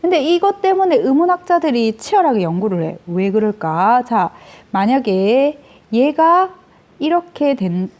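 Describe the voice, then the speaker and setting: A woman's voice: fairly high pitch, big pitch swings, measured pace, a little mellow. A woman teaching grammar in a step-by-step lecture, asking questions and answering them herself. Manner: explains step by step, asks and answers own questions.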